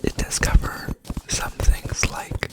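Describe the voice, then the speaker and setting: A video creator whispers right up close, as if leaning in to each ear. The delivery is very slow and halting, a breathy, unvoiced ASMR ramble over gameplay that drifts along with pauses between short phrases. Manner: hesitant, halting, unhurried rambling.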